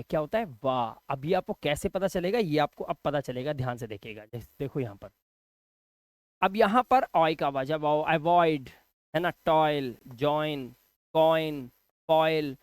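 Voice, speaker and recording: A man teaching English pronunciation in a classroom style. He asks questions, answers them himself and repeats each example word slowly. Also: a little high, no room sound. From India.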